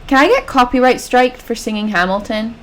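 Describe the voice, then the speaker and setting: A woman's voice: a little high, lively intonation, fairly quick. Chatty British woman playing a game. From United Kingdom. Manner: chatty, jokey, swears casually. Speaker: gaming channel host. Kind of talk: casual let's-play commentary.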